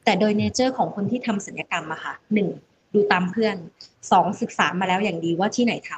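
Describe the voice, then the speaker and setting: A woman executive explaining her company's position politely and briskly in an interview. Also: medium pitch, noisy background. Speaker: company deputy CEO. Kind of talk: business interview.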